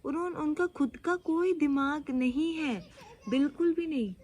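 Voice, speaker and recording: A woman's voice: high-pitched, a little slow, darkish tone. A young woman from India vlogging in a casual, confiding way, mixing in English phrases as she talks. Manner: chatty, mixes Hindi with English phrases.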